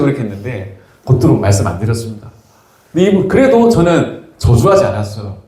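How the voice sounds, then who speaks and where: A man's voice: medium pitch, mellow. A male pastor preaching a sermon in a church sanctuary, telling humorous stories and teasing the congregation. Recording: echoey church hall.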